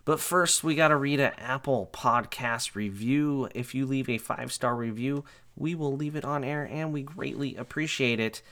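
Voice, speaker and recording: A man's voice: medium pitch, moderate pace, few pauses, fairly bright tone. A man hosting a podcast, chatting casually and teasing his co-host. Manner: teasing, joking. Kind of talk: casual chat.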